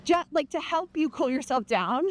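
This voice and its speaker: A woman chatting casually and candidly while running in the heat, playful and quick to swear. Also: high voice, expressive, a little hiss or hum.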